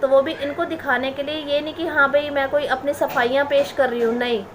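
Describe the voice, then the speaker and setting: A woman's voice: sits high, steady tone, brisk, fairly bright tone, slight background noise. A woman in her thirties vlogging straight to camera, indignant and defensive, repeating her points as she answers critics. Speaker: family vlogger. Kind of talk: direct-to-camera vlog rant.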